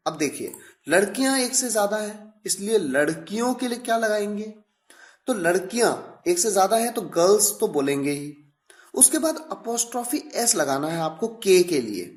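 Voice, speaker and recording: A man giving a recorded grammar lecture, explaining patiently, repeating examples and drawing out sample phrases slowly. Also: high voice, sing-song. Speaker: English grammar teacher.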